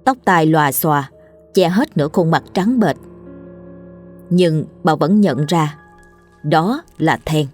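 A woman storyteller narrating a scripted ghost story in a steady, grave way. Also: low-pitched, slow pace, pauses often, faint music behind.

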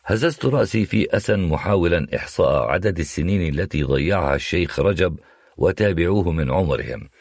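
A man with a very low, deep voice reading a first-person novel aloud. His delivery is measured and reflective, recorded close and dry with no room echo. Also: a little mellow. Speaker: audiobook narrator. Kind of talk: scripted first-person narration.

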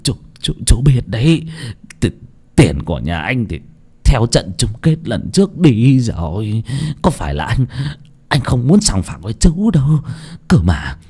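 A man voicing a sick, cowardly older male gambler who whines in a breathy, stammering half-whisper. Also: mid-range voice, very animated, measured pace, long pauses, exaggerated voice. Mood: whining. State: ill, panting.

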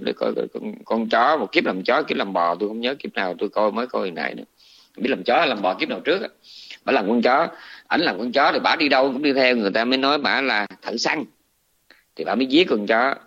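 A man with a Southern Vietnamese accent, a Buddhist monk giving a dharma talk, retelling a scripture story in a colloquial, animated way. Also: medium pitch, breathy edge. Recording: dull lo-fi recording.

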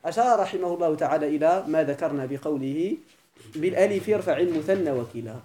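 A man's voice: a little high, animated, fast talker, dark tone. A man with a Moroccan Arabic accent teaching a grammar lesson, going over each point step by step, repeating it, and often asking whether the class is following. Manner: explains step by step, repeats points, keeps checking students follow.

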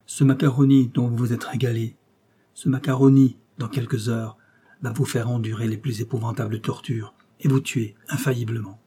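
A man's voice: mid-range voice, flat delivery, moderate pace, mellow, husky, lightly acted. A man voicing a defiant, violent male circus clown who taunts the detective with sarcasm and, later, desperate pleading. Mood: urgent. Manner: sarcastic, raging, then pleading.

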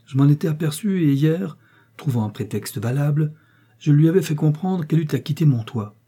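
A man's voice: a little high, expressive, a little fast, warm tone, husky, voice pushed up. A man reading aloud as a passionate young prince, a husband pleading tenderly with his wife in a storybook. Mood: fervent. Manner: fervent, pleading.

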